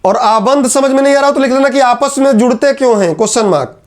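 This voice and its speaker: A male teacher, dictating lecture notes point by point and repeating each line for students to write. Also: very high voice. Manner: repetitive, dictates points slowly then explains in quick asides.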